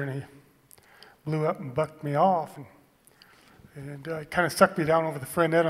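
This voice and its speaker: Higher-pitched man in a reverberant hall. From Eastern Oregon, United States. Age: middle-aged. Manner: halting, plainspoken, folksy. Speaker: cowboy poet introducing his poem. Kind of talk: cowboy poetry gathering stage talk, anecdotal storytelling. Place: stage in a hall.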